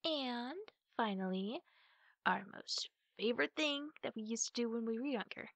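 In an ASMR roleplay, a woman plays an affectionate, teasing big sister, chatting to the listener with drawn-out words and hushed asides in a playful, eager mood. Her voice is on the high side and creaky, and the recording is dry.

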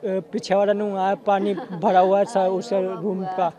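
A man in his twenties, a survivor, giving a halting, repetitive account to reporters outdoors. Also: high voice, level tone. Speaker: survivor interviewed. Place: outdoors among a crowd. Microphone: handheld news mics. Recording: muffled with crowd noise.

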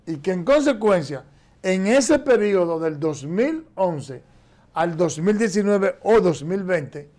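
A high-pitched, darkish male voice comes from a man seated in a TV studio, giving emphatic commentary on economics for a political news show. He gestures constantly while explaining.

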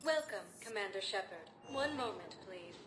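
Calm female ship computer, polite announcements, echoey, background noise. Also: mid-range voice, moderate pace.

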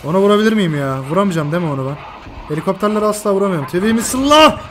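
A high-voiced man commentating his own shooter gameplay, quick to yell and curse at teammates. Game noise and engine rumble sit clearly under his voice. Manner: excitable, swears and shouts at teammates. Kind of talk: live gaming commentary.

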